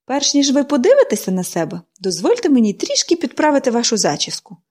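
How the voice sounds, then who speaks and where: A woman's voice: sits high, wildly swooping pitch, fast, darkish tone, husky, pitched above the performer's own voice, exaggerated voice. A woman reading a storybook and voicing a cheerful, talkative little girl who speaks eagerly. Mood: bubbly.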